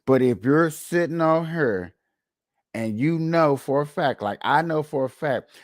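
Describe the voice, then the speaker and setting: A man's voice: on the high side, lively intonation, a little slow, dry recording, studio quality. A man hosting a livestream with casual political commentary, opinionated and colloquial, repeating phrases for emphasis. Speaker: livestream host.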